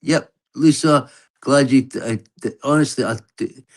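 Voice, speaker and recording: A Scottish man speaks in Glasgow street talk at an average pitch. He is blunt and swears often, arguing his side in a heated, unscripted live-stream dispute. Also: moderate pace.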